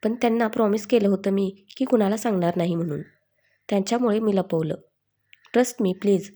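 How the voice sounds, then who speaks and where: Storybook young woman, pleading and stubborn, mellow and warm in tone, as a woman narrator voices her. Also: mid-range voice, a little fast, lightly acted.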